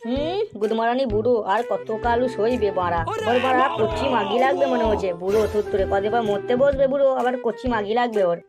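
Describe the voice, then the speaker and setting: A high-pitched, foul-mouthed cartoon boy grumbles and whines, meek but boastful, as a woman puts him on. Music plays behind the voice. It has the feel of a homemade cartoon dub. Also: moderate pace, few pauses, lightly acted. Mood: mocking. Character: hapless young son, boastful yet meek.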